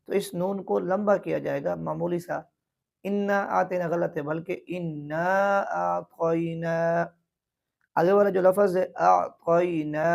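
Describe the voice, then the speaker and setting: A man teaching Quran recitation, explaining pronunciation rules and then reciting verses slowly and drawn out. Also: high voice, gravelly, darkish tone.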